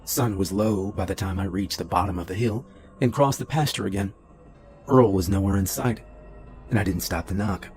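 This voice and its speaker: Middle-aged guy telling a creepy first-person tale, slow and steady, faint music behind. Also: deep voice. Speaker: narrator. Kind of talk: first-person horror story narration.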